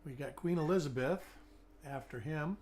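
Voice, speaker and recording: This middle-aged man hosts a live coin-hunting stream, his voice weak and fading after an illness. He chats along as he looks over coins, greeting viewers by name. His pitch is fairly high, his pace moderate, and his sound a little mellow.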